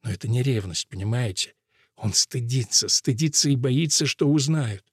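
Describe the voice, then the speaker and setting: A man reading aloud as a troubled chauffeur pours out his grievances in a low, moaning, complaining voice. The sound is close and dry, with no room around it. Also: lively intonation, moderate pace, a little mellow, slightly rough, no room sound. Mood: plaintive. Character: troubled male chauffeur confiding in a woman, plaintive. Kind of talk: audiobook reading.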